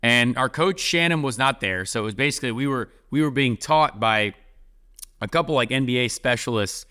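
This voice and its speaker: Podcast host, man, bright forceful voice, rambling casual storyteller. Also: mid-range voice, brisk, clean tone. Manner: rambling, heavy use of "like".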